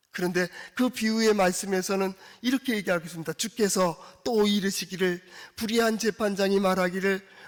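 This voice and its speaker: A man preaching a sermon as pastor. He asks the congregation questions and acts out quoted speech in a soft, coaxing tone. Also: sits high. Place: church sanctuary. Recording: long church hall reverb.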